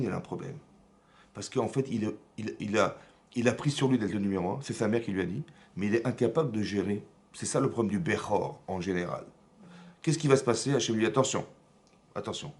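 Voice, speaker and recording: Animated rabbi teaching a class. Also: male voice, lowish voice, brisk, gravelly. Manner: animated storyteller who keeps checking in with the audience; acts out dialogue between biblical figures. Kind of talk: lively Torah class. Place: synagogue class.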